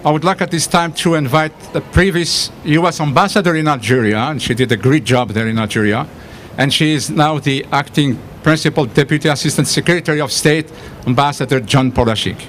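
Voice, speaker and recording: A man's voice: on the high side, brisk, fairly bright tone, slight background noise. A man serving as master of ceremonies, introducing speakers in a hesitant way with fillers. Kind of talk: event introductions.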